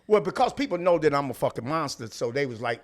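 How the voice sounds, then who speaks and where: A man's voice: a little high, animated, quick pace. St. Louis man talking candidly, slangy. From St. Louis, United States. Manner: slangy, profane, repeats phrases for emphasis. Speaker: comedian guest. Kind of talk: candid casual podcast chat.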